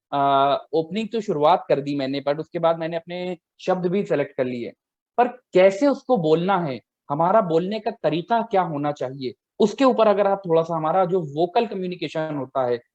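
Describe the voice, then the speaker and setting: A man's voice: sits high, a little mellow. A man hosting an interview, politely affirming answers and asking structured follow-up questions. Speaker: host interviewer. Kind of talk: interview conversation. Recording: dull lo-fi sound.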